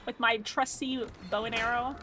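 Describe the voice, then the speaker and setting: A woman's voice: a little high, steady tone, moderate pace, pushed and bright, slight background noise. A woman streaming a game, chatting casually as she plays, rambling and swearing freely. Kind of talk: casual gameplay chat.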